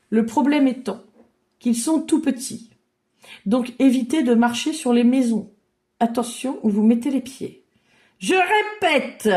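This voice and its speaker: A high-pitched woman runs a children's drawing lesson over a video call. She mixes step-by-step instructions with playful make-believe, praising each child warmly as she goes. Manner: lively, encouraging, make-believe narration. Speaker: children's drawing workshop leader.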